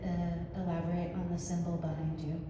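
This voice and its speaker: A woman's voice: lowish voice, flat delivery, a little fast. A woman hosting an event, introducing a guest in a friendly way with many fillers. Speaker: event host. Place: church hall. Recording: distant echoey hall with faint noise.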